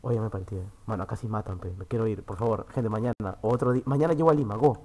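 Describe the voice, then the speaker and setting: A man with a Peruvian Spanish accent streaming from an internet café booth, chatting casually with his viewers. He is excitable, swears freely, and swings between loud outbursts and low muttering. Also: fast, husky. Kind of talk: casual livestream chat.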